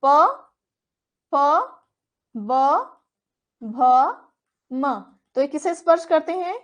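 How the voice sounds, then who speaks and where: A woman's voice: high voice, expressive, very slow. A woman teaching a Hindi grammar lesson for exam coaching. She repeats terms and asks questions, then answers them herself.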